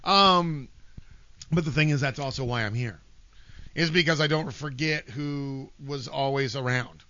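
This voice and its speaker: A man's voice: medium pitch, unhurried, sharp tone. A middle-aged American man chatting casually as a podcast guest in a living room, a blunt, rambling and profane storyteller. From Portland, United States. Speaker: podcast guest, former TV personality. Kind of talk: casual chat with anecdotes. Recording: slightly dull, lo-fi podcast sound.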